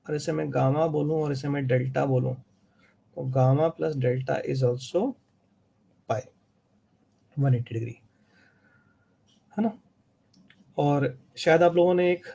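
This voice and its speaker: Gravelly Indian man teaching geometry. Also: medium pitch, mellow, dull audio. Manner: explains step by step with frequent "है ना?" check-ins. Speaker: math teacher. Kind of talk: online live class lecture.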